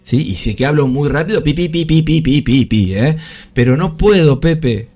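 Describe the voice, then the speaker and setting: Fast, lively Rioplatense trading host. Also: male voice, fairly high pitch, soft background music. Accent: Rioplatense Spanish. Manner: fast, animated talker. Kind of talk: live stream trading commentary.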